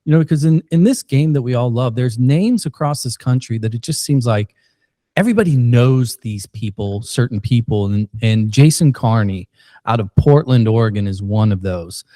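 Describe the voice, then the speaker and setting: A man in Missouri hosts a podcast interview, asking rambling, halting questions full of jokes and restarts. His medium-pitched voice is mellow with lively intonation, recorded in clean studio sound with no echo.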